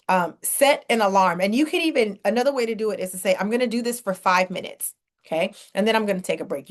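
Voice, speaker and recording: A woman therapist talking through practical tools for depression in a conversational way, acting out what clients and friends might say. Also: mid-range voice. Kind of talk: podcast teaching on mental health.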